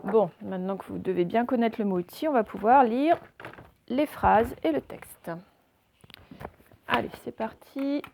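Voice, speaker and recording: A woman's voice: on the high side, unhurried, gravelly, long pauses, a little mellow, a little hiss or hum. A woman primary school teacher recording a reading and handwriting lesson for young children, explaining step by step with frequent hesitations and spelling out letters.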